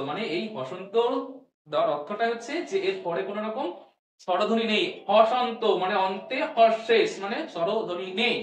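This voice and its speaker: A woman teaching English pronunciation to students. She asks questions and answers them herself, and she repeats each sound slowly. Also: mid-range voice, recorded from a distance. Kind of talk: classroom-style lesson. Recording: echoey room, voice from off-mic.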